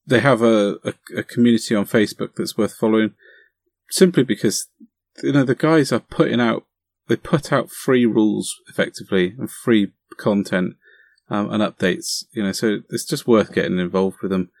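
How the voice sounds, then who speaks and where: A man's voice: lowish voice, moderate pace, a little mellow, no echo. A man co-hosting a casual podcast, talking about tabletop wargaming in an enthusiastic, encouraging way. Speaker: podcast co-host.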